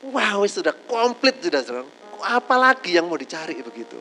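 A man's voice: high-pitched, sing-song, brisk, pushed and bright, a little hiss or hum, poor audio. A man preaching a casual, joking sermon to a congregation, tagging nearly every phrase with a call to his listeners. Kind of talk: conversational sermon.

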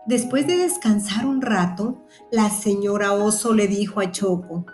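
A woman narrating a children's story to young listeners, speaking gently and clearly. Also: medium pitch, a little slow. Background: soft music.

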